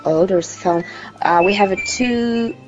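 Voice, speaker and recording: A woman's voice: mid-range voice, measured pace, dull audio, faint music behind. A woman with a Polish accent co-hosting a podcast in casual chat, joking and laughing at herself. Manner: laughing, joking, self-deprecating. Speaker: podcast co-host.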